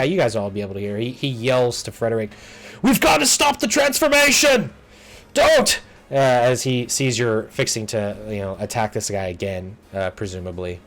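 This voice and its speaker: Relaxed man running a tabletop game. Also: medium pitch. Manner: relaxed and unhurried, with frequent ums and uhs. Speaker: game master.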